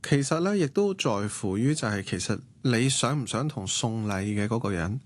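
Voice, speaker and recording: A man's voice: mid-range voice, lively intonation, moderate pace. A man with a Hong Kong Cantonese accent, talking as a panellist in a casual discussion. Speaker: talk show panellist.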